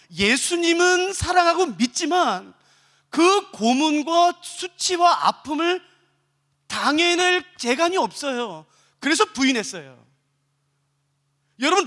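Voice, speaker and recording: High, animated preaching man in echoey church. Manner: dramatic preaching, acting out voices of crowds and believers. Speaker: pastor. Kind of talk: sermon. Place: church sanctuary.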